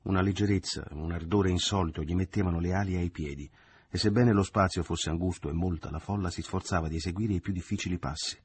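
A man reading a novel aloud as audiobook narrator, in a measured, steady literary narration. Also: low-pitched, a little hiss or hum. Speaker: audiobook reader.

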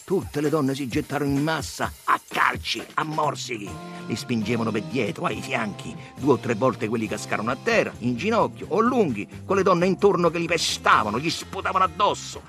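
A man reading a story aloud in a dramatic, expressive way. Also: medium pitch, fairly quick, over music. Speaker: narrator.

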